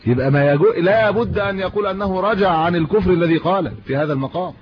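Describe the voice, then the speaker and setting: A religious teacher with an Egyptian Arabic accent races through a lesson in a high-pitched voice, reading classical texts and explaining them in everyday speech with rhetorical questions. The audio is muffled and lo-fi, with a faint hiss.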